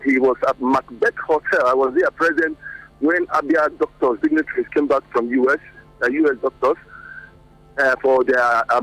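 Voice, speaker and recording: A man calls into a radio show and speaks emphatically. His voice is gravelly and husky, and his pitch rises and falls in a lively way. Faint music sits under the call. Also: poor audio. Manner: emphatic, building into heated speech. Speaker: radio caller. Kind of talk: phone-in call.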